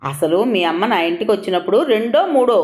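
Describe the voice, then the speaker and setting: A firm, deliberate old father-in-law, as a woman narrator puts him on in an audio story, handing out orders with steady authority. The voice sits at a middle pitch for a woman, carried in a noticeably echoey room. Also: natural voice. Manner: commanding, gives orders patiently.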